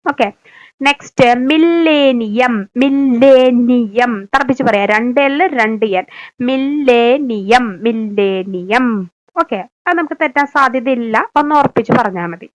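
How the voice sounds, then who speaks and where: Woman, Keralan accent, slightly high pitch; exam-prep teacher who drills spellings letter by letter, patient and coaxing. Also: animated, poor audio. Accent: Keralan Malayalam. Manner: slow, stressed, repeated spelling-out of words; coaxing, adds "kettō" tag to lines. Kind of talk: spelling lesson in Malayalam.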